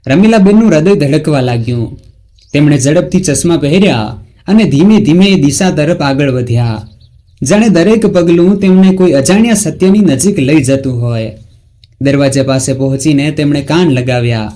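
A man narrating a scripted story in a slow, dramatic reading. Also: on the high side, animated, mellow.

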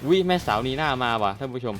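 A man commentating a fighting game as he plays, excitable, foul-mouthed and loud at the screen. His voice sits at an ordinary middle pitch. Game music plays faintly behind him. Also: fast. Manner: excitable, swears a lot, shouts at the game. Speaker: gaming streamer. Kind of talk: gameplay commentary with Thai dubbing of cutscenes.

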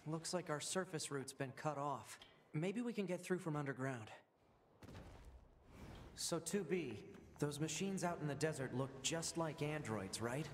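A young male android scout in a video game, pondering things aloud with gentle curiosity. His voice sits a bit high and carries a long reverberant tail. A faint ambient hum hangs behind him. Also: expressive, measured pace. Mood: curious. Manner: thoughtful, curious questioning.

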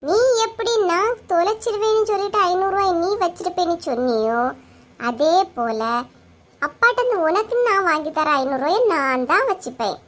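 A woman's voice: extremely high pitch, lively intonation, moderate pace, fairly bright tone. A woman voicing a bossy, scheming cartoon mother with a Kanyakumari Tamil accent, coaxing and ordering her kids. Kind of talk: cartoon voice acting.

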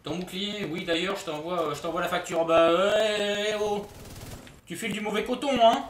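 High-voiced man streaming a game. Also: normal speed, reverberant, far from the mic, slight background noise. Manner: joking, mock-outraged banter with chat. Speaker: streamer playing a shooter game. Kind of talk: casual live-stream commentary.

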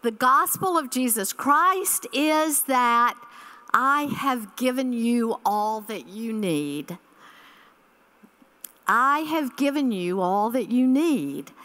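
A woman's voice: fairly high pitch, expressive, slow pace, bright, forceful tone. A woman in her sixties giving an earnest keynote address at a church conference, speaking from a podium microphone on a hall stage and repeating key phrases.

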